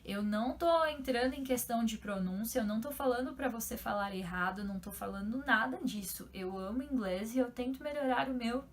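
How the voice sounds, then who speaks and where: A woman's voice: a little high, fairly quick, hardly any pauses. A young Brazilian woman with a Brazilian Portuguese accent, talking casually to camera in a vlog, chatty and full of fillers. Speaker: YouTuber.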